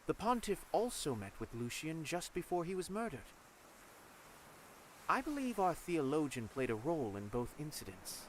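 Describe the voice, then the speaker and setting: A wry, composed cleric turned detective for a video game. His voice sits a little high and moves freely up and down, measured and theatrical, with faint noise behind it. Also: big pitch swings, rough recording. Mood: musing, grave. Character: sly, composed male cleric turned investigator. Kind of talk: scripted video game voice acting.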